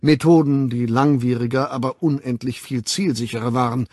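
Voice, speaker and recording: A man's voice: medium pitch, steady tone, normal speed, a little mellow, dry recording, studio quality, close to an everyday voice. A man voicing an assured older world controller who lectures in an audiobook reading. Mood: lecturing.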